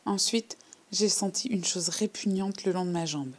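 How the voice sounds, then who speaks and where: A woman voicing a shy, overly polite little girl who tells her own story in a hushed, timid way. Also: lowish voice, moderate pace, slightly rough. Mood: earnest. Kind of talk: storybook reading.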